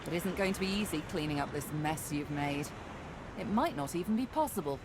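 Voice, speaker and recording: A woman's voice: low-pitched, lively intonation, a little fast, background noise. An actress playing a scornful, scolding woman in a video game. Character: scornful, defeated schemer scolding and warning.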